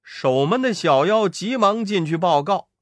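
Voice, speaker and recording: A storyteller narrating a children's story in an expressive, measured way. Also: mid-range voice, dry recording.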